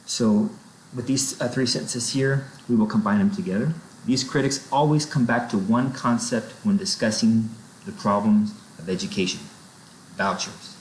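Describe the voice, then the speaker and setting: A man's voice: lowish voice, moderate pace, darkish tone. Man teaching a writing lesson, roomy sound. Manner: explains step by step, checks in with "right?" and "okay?". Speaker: writing instructor. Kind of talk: recorded classroom lecture. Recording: roomy echo, faint noise.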